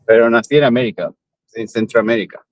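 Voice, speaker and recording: A man's voice: mid-range voice, steady tone, brisk, no room sound, dull audio. Chatty man with a Spanish accent. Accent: Peninsular Spanish. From Spain. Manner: chatty, asks many questions. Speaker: host. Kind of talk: casual chat. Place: car on a drive.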